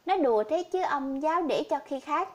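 A grieving poor old village man, read by a woman narrator, pleading and sorrowful. The voice stays high and light. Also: lively intonation, fairly quick.

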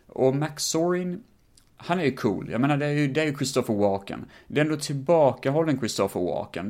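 A man's voice: mid-range voice, a little mellow. A man hosting a podcast, talking through a film in a casual, rambling way with many fillers and some swearing. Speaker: podcast host. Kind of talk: casual film review monologue.

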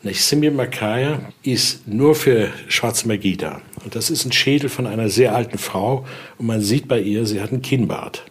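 This older man uses a lowish voice at a moderate pace as he, a researcher, describes objects from a collection conversationally. He speaks German imperfectly, slipping on grammar as a non-native would, and keeps ending sentences with question tags.

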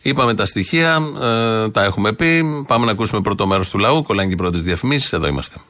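A male radio host speaks in a measured, sarcastic way. His voice sits a bit low. The studio sound is dry and close, with no room echo. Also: expressive, sharp tone. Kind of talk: satirical radio commentary.

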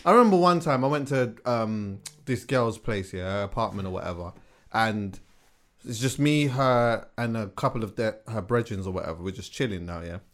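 A young man, co-hosting a podcast in casual chat, telling animated stories and dropping to quiet asides. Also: fairly low pitch, moderate pace. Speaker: podcast co-host.

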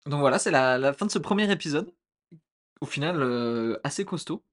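A young man co-hosting a casual chat podcast, relaxed and hesitant, with many fillers. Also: on the high side, moderate pace. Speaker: podcast co-host.

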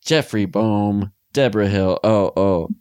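A man with a low voice talks casually on a podcast, joking and rambling with plenty of fillers. His voice sounds dry and close to the mic. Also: unhurried, darkish tone, clear, resonant tone, no room sound. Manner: jokey, rambling, trailing off into fillers. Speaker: podcast co-host. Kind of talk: casual film discussion.

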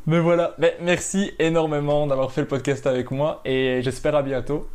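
A man's voice: a little high, fairly even intonation, moderate pace, darkish tone. A man with a Belgian French accent, hosting a podcast interview in an easygoing way. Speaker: podcast host.

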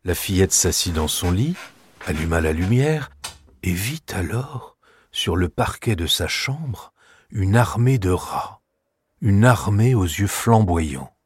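Low, husky male storyteller. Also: animated, slow pace, no room sound. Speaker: narrator. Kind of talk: scripted storybook narration.

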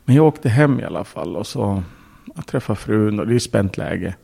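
A man speaks as a podcast guest, his voice low and dark with a gravelly, husky edge. He tells his story bluntly, swears and acts out what others said. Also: expressive. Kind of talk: casual storytelling.

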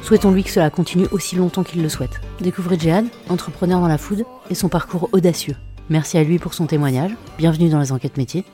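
A podcast host reading a scripted introduction to the episode, brisk and composed. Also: mid-range voice, mellow. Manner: brisk, read aloud. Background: guitar music.

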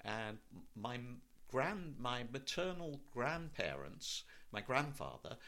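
Speaking slowly but very animatedly, this older man uses a bright, forceful medium-pitched voice and a Received Pronunciation accent. He is an actor from Wales, later London, sharing life stories as a guest in a relaxed interview.

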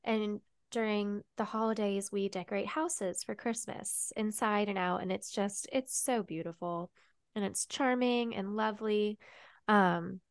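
A woman's voice: medium pitch, fairly even intonation, measured pace, smooth, no echo, studio quality. A young woman co-hosting a casual podcast chat, chatty and tearful, with a sniffly voice and lots of fillers. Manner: chatty, emotional, says "like" often. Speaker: podcast co-host.

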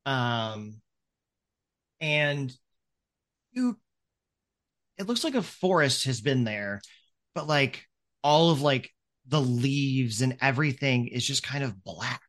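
A man's voice: medium pitch, expressive, slow pace, pauses often, a bit bright. Rambling male game master, filler-heavy. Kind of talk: narrating a tabletop game.

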